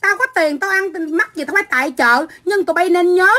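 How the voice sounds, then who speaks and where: A middle-aged woman from Vietnam, ranting into her phone on a livestream. Her voice sits high and cuts bright and sharp as she hurls foul-mouthed, combative insults. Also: fairly quick. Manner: profane, combative, shouting insults. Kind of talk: angry livestream rant.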